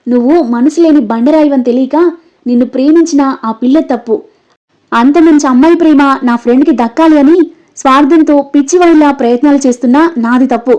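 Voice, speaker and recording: A woman reading the part of a young man who pleads with and scolds his best friend in a high, mellow voice, on a dull, lo-fi recording. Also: brisk, close to an everyday voice. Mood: angry. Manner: emotional, scolding outbursts.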